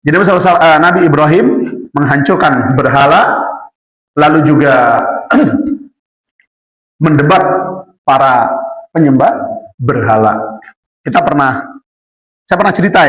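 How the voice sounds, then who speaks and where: A man giving a religious lecture to a seated class. His voice sits a little high for a man and carries a noticeable room echo. He talks in a loose, conversational way and keeps turning to the listeners with rhetorical questions. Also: a bit bright. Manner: conversational, rhetorical questions, addresses audience as Pak. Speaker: Islamic teacher. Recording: echoey room.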